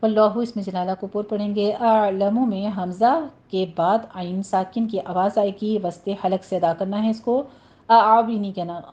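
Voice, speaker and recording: Woman teaching slow recitation, mellow tone. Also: mid-range voice, dull audio. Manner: instructive, drawn-out recitation of single words. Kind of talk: tajweed lesson, explaining then slowly reciting.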